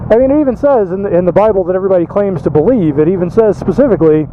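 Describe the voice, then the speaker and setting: A man's voice: high-pitched, expressive, rapid-fire. A man rambling and thinking aloud in a casual, emphatic vlog monologue, speaking inside a helmet as he rides a motorcycle. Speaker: motovlog host. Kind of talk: casual opinionated monologue while riding a motorcycle. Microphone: microphone inside a motorcycle helmet. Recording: muffled helmet mic, thin band, loud engine and road noise.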